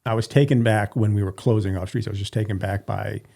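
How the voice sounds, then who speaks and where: A man appearing as a guest, explaining town events in a relaxed, plain-spoken way and repeating words. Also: fairly low pitch, fast, gravelly. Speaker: recreation supervisor, guest. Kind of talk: casual interview.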